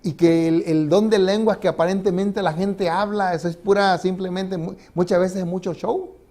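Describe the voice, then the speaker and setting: A man's voice: high-pitched, fairly even intonation, normal speed, darkish tone. A male pastor preaching a sermon in a church, speaking emphatically and letting his voice rise and fall. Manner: emphatic, rising and falling delivery.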